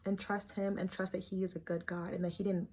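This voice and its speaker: A woman's voice: mid-range voice, flat delivery, fairly quick, warm tone, husky. A young woman talking casually and earnestly to camera, sharing a heartfelt faith testimony in a chatty way full of "like" fillers. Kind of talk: casual confessional talk to camera.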